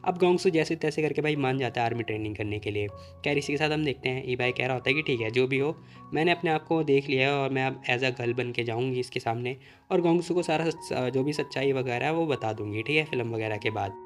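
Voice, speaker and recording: A man's voice: medium pitch, a little fast, soft background music. A man narrating a casual recap of a comic story, retelling the plot and quoting the characters' lines in his own voice.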